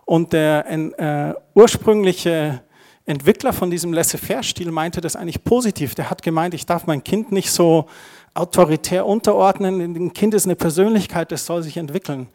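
A man's voice: on the high side, moderate pace, a little mellow. A middle-aged man preaching a sermon as pastor, chatty and conversational, with asides to the congregation. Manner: conversational, asides with tag questions.

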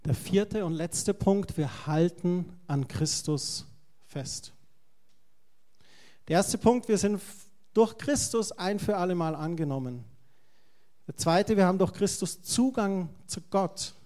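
A man's voice: high voice, expressive, takes it slowly, a little mellow. A man, a pastor, preaching a sermon and speaking earnestly and directly to his congregation.

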